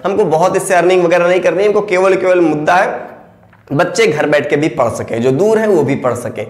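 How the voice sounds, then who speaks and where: A man with an Indian accent teaches English vocabulary in a fairly high voice. He spells each word out letter by letter and keeps repeating key words, and his voice rings with a noticeable room echo. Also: fairly quick. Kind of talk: classroom-style vocabulary lesson.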